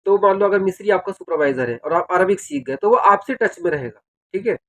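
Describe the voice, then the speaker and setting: A man's voice: high-pitched, very animated, brisk, gravelly, a bit bright. A man casually explaining things to his viewers, often adding "theek hai" and addressing them directly. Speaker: video creator giving advice on working in Saudi Arabia.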